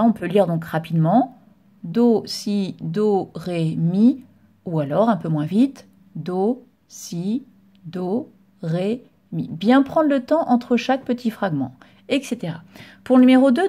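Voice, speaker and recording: A woman's voice: on the high side, mellow. A woman music teacher giving a patient solfège lesson, explaining step by step and chanting note names and rhythm syllables.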